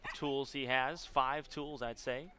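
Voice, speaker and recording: A man's voice: mid-range voice, steady tone, measured pace, pushed and bright, a little hiss or hum. A man calling a baseball game live as the play-by-play commentator.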